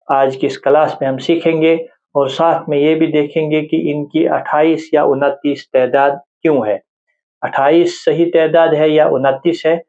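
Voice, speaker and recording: A man teaching a reading lesson for beginners, explaining patiently and repeating each letter sound slowly. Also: on the high side, a little mellow, dull audio. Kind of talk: spoken lesson with slow drawn-out example sounds.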